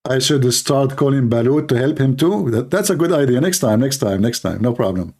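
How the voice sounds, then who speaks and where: A religious apologist who grew up in the Middle East hosts a live stream and speaks with a native Arabic speaker's accent. His voice is dark and relaxed, at an ordinary male pitch, and he talks fairly quickly. He speaks off the cuff to viewers, informally and bluntly.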